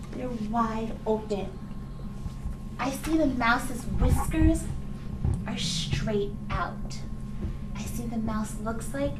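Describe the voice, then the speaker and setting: Slow, expressive woman reading to young children. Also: fairly high pitch. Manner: slow, simple, expressive speech as if reading to a toddler; deliberate pauses and thinking aloud. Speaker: kindergarten teacher. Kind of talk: reading lesson for young children, reading aloud and modelling thinking. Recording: distant mic, echoey room, loud background noise.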